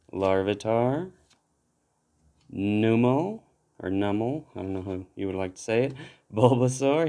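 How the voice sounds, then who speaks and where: A man giving casual commentary while opening trading card packs, relaxed but breaking into excited exclamations at good pulls. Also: mid-range voice. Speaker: card pack opener.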